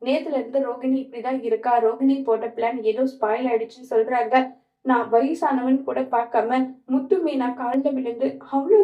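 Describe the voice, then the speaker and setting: A woman's voice: a little high, mellow, roomy sound, close to an everyday voice. A woman reading the lines of an older mother who begs tearfully for her daughter's marriage to be saved. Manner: pleading, tearful.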